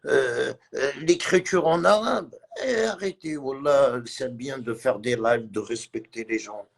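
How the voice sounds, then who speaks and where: A man's voice: medium pitch, unhurried, gravelly, slightly rough. A man on a live stream, ranting in a heated, repetitive way and mixing in words from other languages. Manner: agitated, repetitive, mixes French with Arabic and Kabyle. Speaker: livestreamer.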